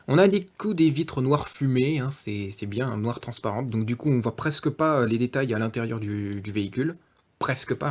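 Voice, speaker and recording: A man's voice: medium pitch, darkish tone, slight background noise. A man giving a casual off-camera toy review, hesitant, with many fillers and self-corrections.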